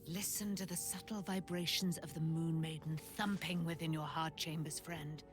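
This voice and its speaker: A woman's voice: sits low, steady tone, normal speed, natural voice. A woman playing an exalted, devout and vengeful warrior in a video game, declaiming grandly in archaic phrasing. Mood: solemn. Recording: music behind the voice.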